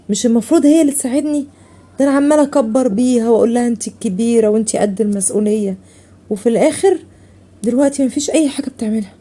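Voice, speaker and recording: A woman's voice: high-pitched, mellow, husky. An actress with an Egyptian accent playing a strict mother who scolds and gives orders to her eldest daughter. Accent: Egyptian Arabic. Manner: bossy, scolding, fast. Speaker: mother in a family skit.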